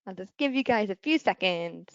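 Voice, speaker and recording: A woman's voice: mid-range voice, expressive, normal speed, smooth, no room sound, muffled recording. A young woman from Ireland, presenting travel destinations in a bubbly, gushing way over a video call. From Northern Ireland. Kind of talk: online travel showcase presentation.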